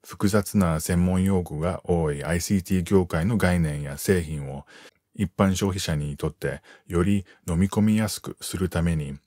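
A man raised in the United States reading an article aloud for language learners, in a calm, measured way that slows down to spell out terms. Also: low-pitched, dry recording, clean studio sound.

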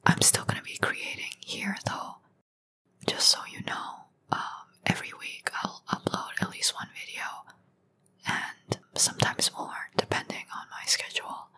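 A woman, a channel creator, giving a casual, soft-spoken announcement to listeners. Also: unhurried, in a whisper, low-quality recording.

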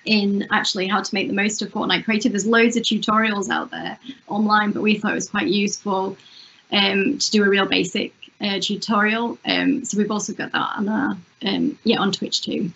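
A woman's voice: mid-range voice, normal speed, fairly bright tone, a little hiss or hum. A woman festival director answering interview questions over a video call from a room at home, hesitant with many fillers and restarts. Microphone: wired earphone mic on video call. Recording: muffled video call audio.

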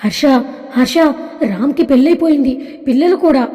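A woman's voice: sits high, lively intonation, moderate pace, warm tone. A woman voicing an anxious, lovesick young heroine who pleads with her partner, in a storybook reading. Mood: distraught. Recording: long hall reverb.

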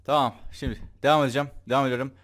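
A man's voice: medium pitch, very fast. Chatty man with game noise behind. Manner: chatty, jokey, bursts into excited yelling. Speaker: gameplay commentator. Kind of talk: let's play commentary.

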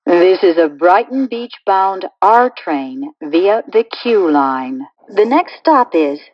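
A woman's recorded train announcements, spliced together from separate words with the stop names in a different pitch. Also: big pitch swings, slow, no room sound, recorded from a distance, muffled recording. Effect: spliced-together prerecorded words.

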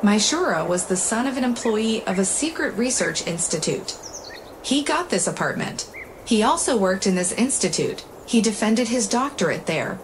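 A woman voicing a frail, lonely old grandmother who speaks softly and weakly, with faint noise in the recording. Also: medium pitch, very animated, moderate pace, natural voice. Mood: weary. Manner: soft, weak-voiced.

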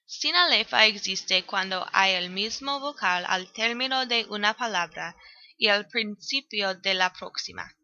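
Bright-voiced woman reading a school presentation. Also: medium pitch. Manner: reads a prepared script evenly, with grammar slips. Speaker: student presenting a poem analysis. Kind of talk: read-aloud school presentation. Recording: dull, dry lo-fi recording.

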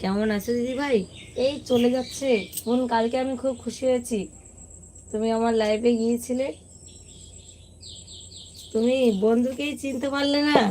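A woman, hoarse today, hosting a casual live stream and greeting viewers one by one. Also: fairly high pitch, steady tone, moderate pace, long pauses, a little mellow, slight background noise.

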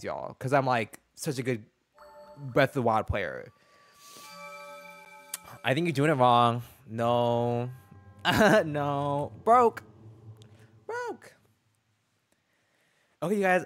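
A young man chatting casually while streaming a game, animated and full of slang. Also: mid-range voice. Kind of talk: casual gaming stream chat.

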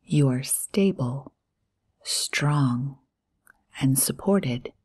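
A low-pitched woman with a darkish tone guides a meditation in a breathy, almost whispered voice, yet her intonation is lively. She talks very slowly and soothingly in short phrases with generous pauses.

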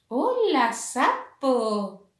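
A woman's voice: high-pitched, big pitch swings, extremely slow, exaggerated voice. Pata, a cheerful kind duck, as a woman reads her. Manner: bright, friendly. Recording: roomy echo.

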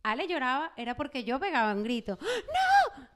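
Mom cohosting a chat podcast, high clear voice, tells stories all animated. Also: female voice, fast. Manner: animated storyteller who acts out scenes. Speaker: podcast co-host. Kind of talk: casual chat.

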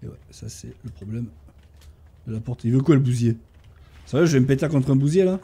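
A man giving casual gameplay commentary, talking to his tamed animals and bursting into excited shouts during fights. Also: mid-range voice, fairly quick, slight background noise. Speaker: gaming YouTuber.

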